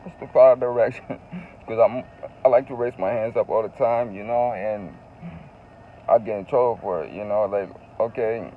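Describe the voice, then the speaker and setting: A man's voice: fairly low pitch, normal speed. Earnest man on tinny, noisy phone-like audio. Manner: earnest, emotional, repeats phrases for emphasis. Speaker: vlogger. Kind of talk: personal confessional vlog, casual storytelling.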